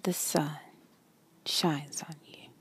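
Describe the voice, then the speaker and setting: A woman guiding a meditation in a slow, soft whisper with long pauses. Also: low voice, steady tone, slightly rough. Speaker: meditation guide. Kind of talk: guided meditation.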